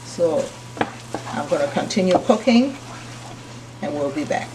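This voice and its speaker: Cooking at home for her channel, a woman from Liberia calmly explains the recipe step by step while stirring, her voice sitting low and her pace a little slow. Frying and sizzling come through the distant mic.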